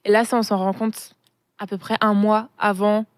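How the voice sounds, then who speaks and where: A young woman from France telling her story as a guest in a casual, animated interview chat. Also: medium pitch, no room sound. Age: young adult. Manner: animated storytelling, quick and chatty.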